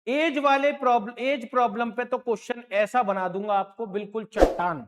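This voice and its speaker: A man's voice: very high-pitched, steady tone, normal speed, heavy background noise. A man teaching a maths lesson online, encouraging his students and repeating each point patiently, with English terms mixed into his explanations.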